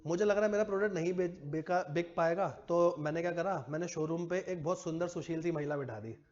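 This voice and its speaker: Brief: quick, slightly high male teacher, joking with the class, dull lo-fi room sound. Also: a little mellow. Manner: chatty, teasing, asks the class questions. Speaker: commerce teacher. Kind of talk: classroom lecture.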